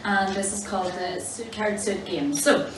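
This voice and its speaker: A woman's voice: mid-range voice, steady tone, normal speed. A woman demonstrating an exercise game for children, giving simple, encouraging instructions. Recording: roomy, distant mic with clear background noise.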